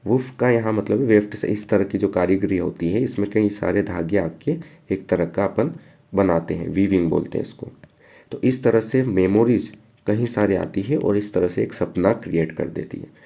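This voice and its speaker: Deep gravelly teacher. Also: male voice, warm tone. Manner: reads verse lines slowly, then explains casually. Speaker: English teacher. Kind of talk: line-by-line poem explanation.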